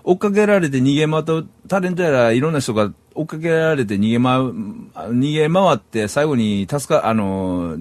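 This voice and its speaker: A middle-aged man from Saitama, Japan, rambles casually through his solo podcast and chuckles at himself. His voice is a little high, and there's no echo.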